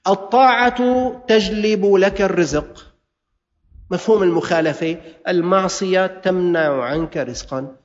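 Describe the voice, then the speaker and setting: A man with a high voice and a Levantine Arabic accent preaches a sermon. He exhorts his listeners and moves between solemn classical recitation and plain colloquial asides. The recording sounds dull and lo-fi, with a long reverb from a large hall. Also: unhurried.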